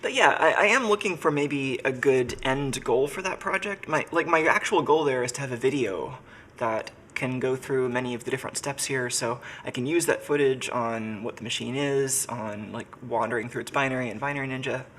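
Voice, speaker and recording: In his home workshop, a sick, congested man chats casually on a live stream, thinking aloud and using plenty of fillers. His voice is mid-range, brisk and a bit bright, with slight background noise.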